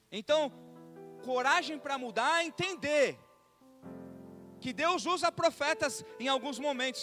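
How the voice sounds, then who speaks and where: A man, a bishop with a Brazilian Portuguese accent, preaching to his congregation in church, dropping to soft asides and rising to shouts, often asking the crowd questions. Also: high voice. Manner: asks the congregation rhetorical questions. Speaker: bishop and pastor. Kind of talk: preaching a sermon. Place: church sanctuary.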